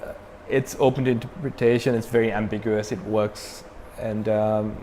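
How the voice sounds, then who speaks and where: A man's voice: lowish voice, normal speed, long reverb tail, a little hiss or hum. A young man from Sri Lanka, a metal band frontman, chatting casually as an interview guest with lots of fillers and restarts. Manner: relaxed, many fillers and restarts.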